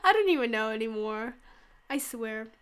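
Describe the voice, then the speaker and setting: A teenage girl who is a gaming YouTuber chats casually while playing, her slightly high, expressive, smooth voice moving at normal speed. Stuffy from a cold, she rambles with lots of "like" and yelps and laughs during play.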